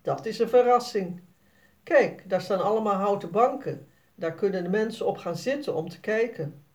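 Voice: mid-range voice, moderate pace, a little mellow, close to an everyday voice. A storybook reader voicing a friendly, patient father who explains things to his son in an encouraging tone. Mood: cheerful. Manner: cheerful and encouraging. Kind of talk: storybook read-aloud.

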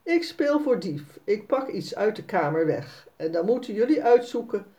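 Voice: medium pitch, sing-song, normal speed, mellow, pitched above the performer's own voice, close to an everyday voice. A storyteller voicing a kind, playful mother explaining a game.

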